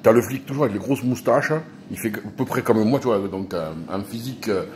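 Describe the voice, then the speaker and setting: A man's voice: on the low side, a little fast, slight background noise. A man, rambling and joking in a casual vlog monologue, often restarting his sentences. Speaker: YouTuber.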